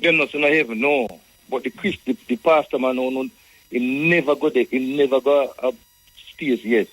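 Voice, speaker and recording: A Jamaican man calling a radio show, arguing conversationally in Rasta speech with a husky voice, repeating phrases as he builds his point. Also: medium pitch, steady tone, moderate pace, a bit bright, no room sound, rough recording. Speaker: radio caller.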